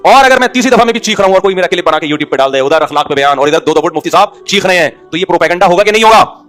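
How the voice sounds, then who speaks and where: A middle-aged man preaching at a quick clip in a slightly raised voice, full of everyday stories and rhetorical questions to his audience. His delivery is casual and wry, with joking asides. Faint music sits underneath. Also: high voice, lively intonation, fairly bright tone. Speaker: Islamic scholar and preacher. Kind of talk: conversational sermon.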